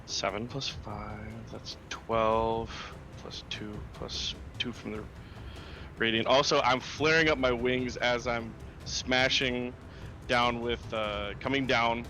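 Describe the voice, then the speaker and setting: A man's voice: medium pitch, fairly even intonation, slow, sharp tone, a little hiss or hum. A man playing a tabletop role-playing game, chatting casually and describing his character's moves.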